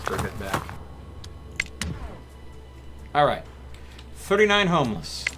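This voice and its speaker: A man streams live gameplay, talking to his viewers and muttering to himself as he plays, with music in the background. His mid-range voice is very animated, though his pace is slow.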